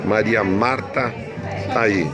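A man interviewing a seller, casual and brisk, prompting with short remarks. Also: fairly low pitch. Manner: brisk, prompting, says "legal" often. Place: indoor bazaar hall, busy. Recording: bazaar crowd and music behind. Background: crowd chatter and music.

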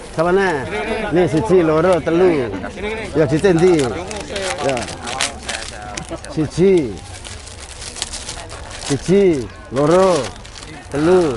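High-voiced Javanese-accented market vendor man. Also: a crowd in the background. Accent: Central Javanese. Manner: loud, joking, rapid counting and haggling. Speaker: street vendor selling lamps. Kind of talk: market sales patter, auctioning down prices. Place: outdoor animal market.

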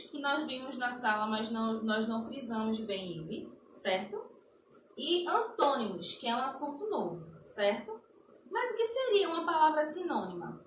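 A woman teacher with a Brazilian accent, slowly explaining a lesson to young children and drawing out her example words. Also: high-pitched, fairly bright tone, slight background noise. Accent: Brazilian Portuguese. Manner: slow, sing-song explaining with drawn-out example words. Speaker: primary school teacher. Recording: echoey room, a bit distant mic.

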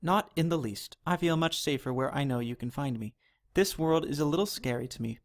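A man voicing a gentle, polite little male butterfly creature in an animated storybook. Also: fairly high pitch, a little fast, lightly acted. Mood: kind, cheerful.

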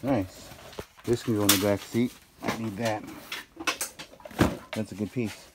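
Low-voiced man pricing storage finds. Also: steady tone, measured pace, very noisy. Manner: upbeat, appraising items aloud with prices. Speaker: storage auction vlogger. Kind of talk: casual running commentary while sorting items. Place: outdoors at a storage unit.

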